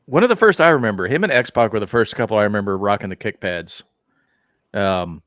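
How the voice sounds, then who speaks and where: A man hosting a podcast in casual chat, animated and rambling, full of fillers and restarts. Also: lowish voice, brisk, no echo, clean studio sound. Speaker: podcast host.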